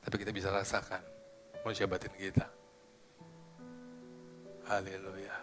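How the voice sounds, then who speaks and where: A middle-aged male pastor preaching, dropping into hushed, slow musing and rising to loud, high exclamations, with English phrases mixed in. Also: monotone. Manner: slips into English phrases and sings softly. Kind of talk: sermon. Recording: faint guitar music behind.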